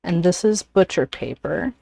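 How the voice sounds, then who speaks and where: A woman hosting a casual livestream, chatting with pauses as she works and sounding a little out of breath. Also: on the low side, expressive, gravelly, mellow, dry recording. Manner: unhurried, talks while working with frequent pauses. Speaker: origami livestream host. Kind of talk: casual livestream chat while folding.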